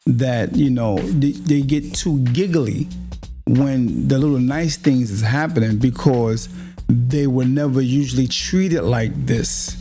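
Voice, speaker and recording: Blunt slangy man with a dark voice. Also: medium pitch, vocal fry. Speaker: podcast host. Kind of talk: reaction commentary on a clip.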